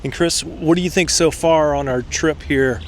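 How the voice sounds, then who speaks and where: A man's voice: fairly high pitch, normal speed. A man chatting casually and colloquially as he hosts a travel vlog outdoors in a city. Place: outdoors in city streets and parks. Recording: outdoor city and traffic noise.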